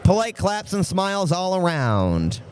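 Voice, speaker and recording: A man giving lively live commentary at a model car race for a stream, chatty and reading out viewer comments. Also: sits high, measured pace, noisy background. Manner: chatty, energetic, reads out viewer chat.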